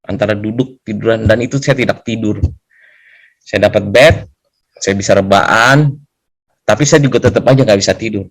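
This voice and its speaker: A man's voice: on the low side, moderate pace, long pauses. Young man, testifying. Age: young adult. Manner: conversational, often adds a questioning tag for agreement. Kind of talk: personal testimony storytelling.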